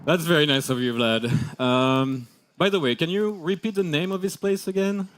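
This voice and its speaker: A man's voice: on the high side, moderate pace. A man with a French accent presenting a scripted keynote on stage, bantering playfully with his co-presenters. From France. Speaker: crypto executive presenter.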